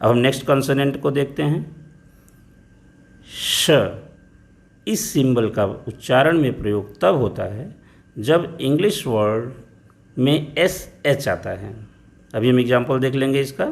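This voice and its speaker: A man teaching pronunciation, explaining each letter and its sound slowly and patiently. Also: mid-range voice, expressive, vocal fry. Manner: slow, patient, spelling out letters and sounds one by one. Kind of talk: explaining phonetics lesson.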